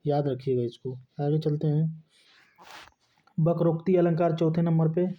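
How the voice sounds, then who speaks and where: A man's voice: fairly high pitch, flat delivery, measured pace. A man teaching a grammar lesson, asking questions and answering them himself. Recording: dull lo-fi recording.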